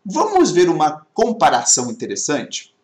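Animated male teacher in an echoey room. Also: fairly high pitch, moderate pace. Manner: animated, explains with many rhetorical questions. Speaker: English teacher. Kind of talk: online class. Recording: echoey webinar audio.

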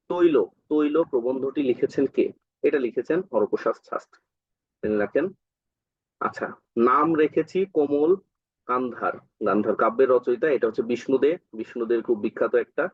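Male Bangladeshi exam tutor, husky, explanatory, dry lo-fi recording. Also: medium pitch, no echo. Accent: Bangladeshi Bengali. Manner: explanatory, asks and answers his own questions, frequent fillers. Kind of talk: exam question walkthrough lesson. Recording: dull, dry lo-fi sound.

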